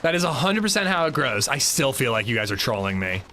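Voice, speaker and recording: A man's voice: medium pitch, very animated, fast talker, sharp tone, a little hiss or hum. A male streamer chatting casually with his audience and friends, self-mocking and reading out chat messages. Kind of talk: casual gaming livestream chat.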